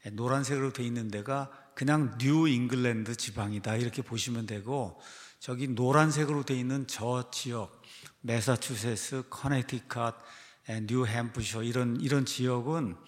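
A man's voice: medium pitch, normal speed. A male pastor giving a church history lecture, explaining step by step with frequent fillers and rhetorical questions. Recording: long hall reverb.

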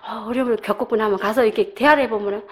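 A middle-aged woman shares her church testimony in a slightly high voice. She tells her story with animated energy, acting out other people's voices and laughing along the way. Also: rapid-fire. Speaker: church member giving testimony. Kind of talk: personal testimony.

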